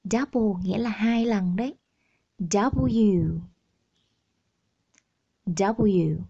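A woman teaching the alphabet to children. She pronounces each word slowly, repeats it, and praises the listener. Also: mid-range voice, vocal fry, warm tone, husky. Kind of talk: slow pronunciation drill. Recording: dull lo-fi sound.

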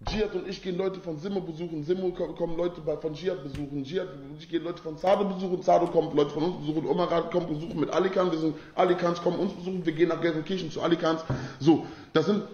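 A man talks casually in a hurried, repetitive ramble. His voice is fairly high and quick, and the space around him sounds echoey. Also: fairly even intonation, a little mellow, highs cut off. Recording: roomy, echoing sound.

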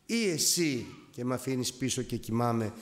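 A man preaching in a sermon who voices the Lord as a calm, authoritative male voice, speaking low and measured. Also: lightly acted. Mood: calm questioning. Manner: slow, low, measured questioning.

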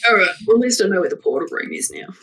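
A woman chatting casually while playing a game, laid-back and drawn-out in her delivery. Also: medium pitch, sing-song, a bit bright, faint music behind, poor audio. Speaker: gamer. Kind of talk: casual gaming chat.

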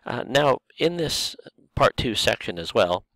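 A man, a course instructor, talking through a recorded lecture video in a relaxed way with many filler words. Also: medium pitch, measured pace, no room sound, rough recording.

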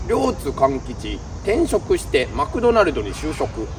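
A man, a comedian delivering one-liner gags in a drawn-out singsong way. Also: fairly high pitch, wildly swooping pitch. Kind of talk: slow one-liner gag medley. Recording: distant mic, noisy outdoor ambience.

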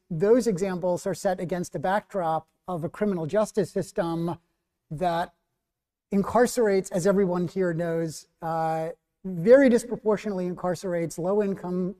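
A middle-aged man with a New Jersey accent moderating an academic panel in a measured, thoughtful, self-correcting way. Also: sits high, warm tone, long reverb tail.

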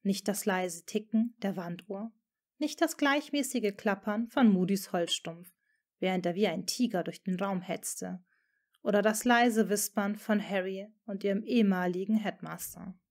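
A woman's voice: mid-range voice, unhurried, darkish tone. A woman reading a fan-fiction story aloud as dramatic audiobook narration.

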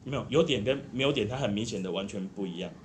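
A man's voice: on the low side, racing, soft background music. A man with a Taiwanese Mandarin accent teaching a group saxophone lesson, patient and encouraging, counting the class in. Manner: patient, counts in and sings demonstrations.

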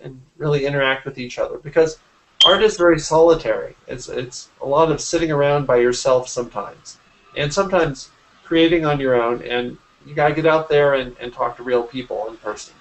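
Speaking briskly at medium pitch, a forties-aged artist and art teacher answers questions as a guest in a relaxed video-call interview, often restarting his phrasing mid-sentence. The sound is rough, picked up by his computer mic in a small room at home.

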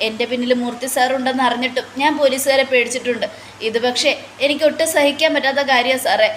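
A woman's voice: high-pitched, steady tone, fast, fairly bright tone, a little hiss or hum. A woman voicing a frightened male shop worker and father of two who stammers and pleads anxiously. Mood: fearful pleading.

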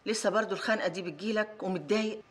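A woman's voice: mid-range voice, very fast, a little hiss or hum, natural voice. An actor playing an insistent, coaxing mother who pushes her son to marry, in Egyptian Arabic. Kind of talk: film acting.

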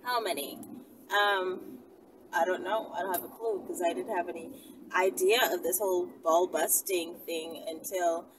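A woman in her thirties, a vlogger and channel host, chats casually and unscripted to her viewers, musing aloud in a rambling way and asking rhetorical questions. Her voice sits fairly low, with fairly even intonation and a normal pace. She's inside a car by a street in daytime, recorded by a camera held at arm's length, so the mic is distant and the car interior is noisy.

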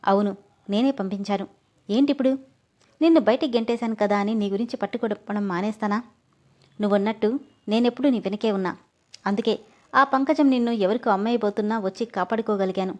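A woman voicing a gruff but caring young husband in a read-aloud story. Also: mid-range voice, fairly quick, long pauses, a little mellow, lightly acted. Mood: scolding.

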